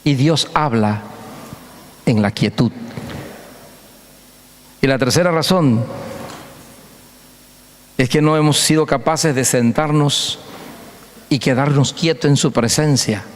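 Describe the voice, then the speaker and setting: A man's voice: mid-range voice, slow pace, long pauses. Emphatic preaching man in a reverberant church hall. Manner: emphatic preaching with repeated phrases and storytelling. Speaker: pastor. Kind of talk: sermon.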